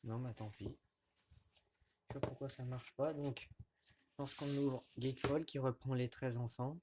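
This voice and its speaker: Guy filming his vinyl collection at home, mid pitch, stop-start talking, faint hiss behind. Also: fairly even intonation. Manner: hesitant, halting with frequent fillers and restarts. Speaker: record collector vlogger. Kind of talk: casual show-and-tell of vinyl records. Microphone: camera mic at close range.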